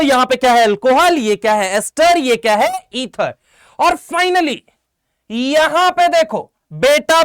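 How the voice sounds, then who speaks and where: A man's voice: very high-pitched, no room sound, clean studio sound. A man teaching chemistry in an online exam-prep class, firing questions at his students and coaxing them to answer back. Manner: energetic call-and-response questioning; coaxing, calls students "beta" and "bhai".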